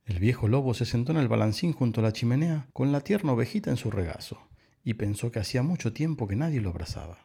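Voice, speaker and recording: Gravelly man reading a bedtime story. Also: medium pitch. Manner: slow, gently expressive reading. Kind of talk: children's story read aloud.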